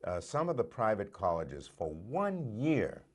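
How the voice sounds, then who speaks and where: Animated low-pitched man co-hosting. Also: unhurried. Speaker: program co-host. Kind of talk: casual presenting and chat.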